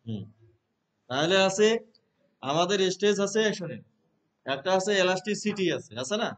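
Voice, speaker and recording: A Bangladeshi man teaching a class of trainee teachers, explaining terms, reading English definitions slowly and asking the room questions. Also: high voice, expressive. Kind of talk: classroom lecture.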